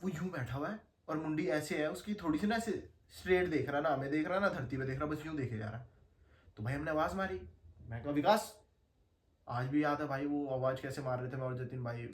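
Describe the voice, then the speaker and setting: A young man telling a story in casual, slangy chat, animated and laughing as he goes. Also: medium pitch, recorded from a distance. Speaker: podcast guest storyteller. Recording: echoey room, faint ambience.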